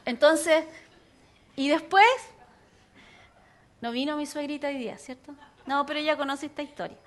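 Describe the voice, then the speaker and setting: A woman pastor, preaching a sermon and telling a personal story in an animated way, acting out other people's voices. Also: high voice, moderate pace.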